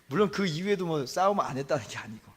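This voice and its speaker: A male pastor preaching a Sunday sermon, telling a story with self-deprecating humor and swinging from soft asides to loud outbursts. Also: a little high, expressive, quick pace, husky.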